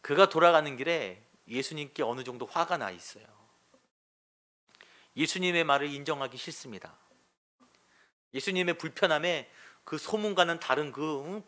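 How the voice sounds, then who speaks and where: A male pastor preaches in a church in a frank, colloquial way, often asking his listeners questions. His voice is bright and keen and sits somewhat high for a man, with a lively, swinging pitch. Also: moderate pace. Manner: conversational, asks the congregation questions. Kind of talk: Sunday sermon.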